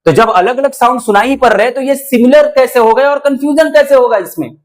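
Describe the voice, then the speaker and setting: High-voiced teacher explaining word pairs. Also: male voice, fairly quick. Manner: explains patiently, repeats words many times, asks the viewer questions; switches between English and Hindi. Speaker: English teacher. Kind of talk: spoken English lesson.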